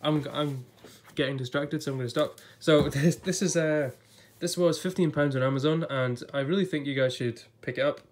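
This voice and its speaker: Speaking at normal speed with hardly any pauses, a man with a slightly high voice reviews an illustrated book on YouTube. He's recovering from an illness, which leaves his voice a bit off, and he chats and thinks aloud while flipping pages at a table indoors before a blue backdrop; there's slight background noise.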